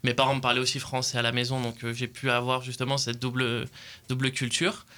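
Bright, flat-voiced young man, hesitant. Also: mid-range voice, brisk, clear, resonant tone. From Portugal. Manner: hesitant, many fillers. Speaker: interview guest. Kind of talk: studio interview.

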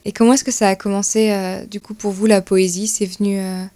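A woman interviewing a poet, asking measured questions with some fillers. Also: mid-range voice, flat delivery, mellow.

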